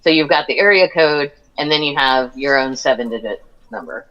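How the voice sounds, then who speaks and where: A woman's voice: rumbling low, fairly bright tone. A woman in her forties, from the United States, chatting casually and cracking jokes with easy laughter. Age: 40s. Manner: joking and quick to laugh. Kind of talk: casual chat. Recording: dull lo-fi stream audio.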